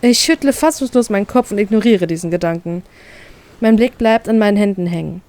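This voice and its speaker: A woman reading aloud a fanfiction story in first person, narrating calmly and evenly. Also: mid-range voice, fairly quick. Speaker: fanfiction reader.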